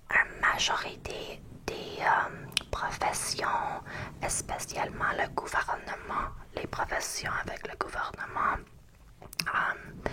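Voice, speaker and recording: A young woman from Canada, whose first language is English, whispers a slow ASMR ramble in an English Canadian accent and often pauses to find her words. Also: pushed and bright. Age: young adult. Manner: hesitant, pauses to search for French words. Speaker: ASMR creator.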